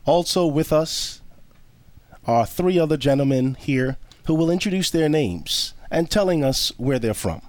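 Male host, measured and reflective, dry studio read. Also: fairly high pitch, lively intonation, no room sound. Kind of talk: scripted opening, then panel discussion.

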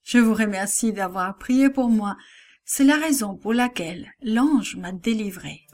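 A woman voicing a weary, grateful male apostle in a children's Bible story, speaking quietly and earnestly. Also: mid-range voice, measured pace, heavy background noise, close to an everyday voice.

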